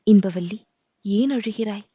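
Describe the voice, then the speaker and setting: A woman's voice: mid-range voice, a little slow, breathy edge, no room sound. A woman reading the part of a newly crowned young king, speaking earnestly and tenderly to his beloved. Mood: warm, eager. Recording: dry, tinny phone-like sound.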